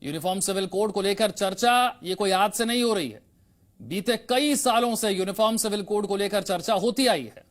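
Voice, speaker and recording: High-voiced male news anchor. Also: normal speed. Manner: pressing, questioning. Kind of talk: news presenting and debate moderation.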